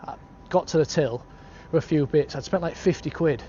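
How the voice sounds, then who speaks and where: A British man talks casually to his vlog in a laddish, slangy way. His voice sits a little high. The outdoor recording is slightly dull, with faint city noise behind him. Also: normal speed, dark tone. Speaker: travel vlogger. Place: outdoors in city streets and park.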